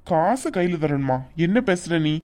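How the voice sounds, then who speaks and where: A woman's voice: fairly low pitch, fast, mellow, close to an everyday voice. A woman voicing a hot-tempered young brother. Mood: angry. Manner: scolding, indignant. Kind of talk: animated cartoon voice acting.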